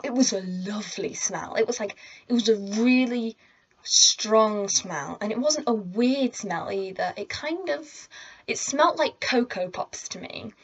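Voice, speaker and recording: A woman's voice: mid-range voice, breathy edge, lo-fi sound. A teenage girl telling a story to camera in a chatty, rambling way, full of asides. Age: teens. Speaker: vlogger. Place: indoors at home. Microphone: laptop or camera mic.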